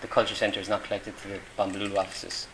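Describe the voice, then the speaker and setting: Here a middle-aged volunteer from Ireland talks at a quick pace, his voice on the low side and flat. He answers casual interview questions hesitantly, with many ums and restarts. Noisy room ambience is audible.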